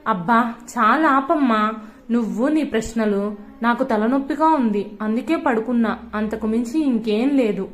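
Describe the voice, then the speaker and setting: A woman's voice: fairly high pitch, moderate pace, natural voice. A woman voicing a frightened teenage schoolgirl who pleads and sobs in a storybook tale. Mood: annoyed. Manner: pleading, sobbing.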